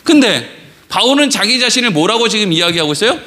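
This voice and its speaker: A middle-aged pastor preaches in a church with a high, bright voice. He tells stories with energy, acts out his characters' lines and keeps asking the congregation questions. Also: fast. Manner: animated storyteller, acting out dialogue and asking the congregation questions. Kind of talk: Wednesday sermon with storytelling. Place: church sanctuary.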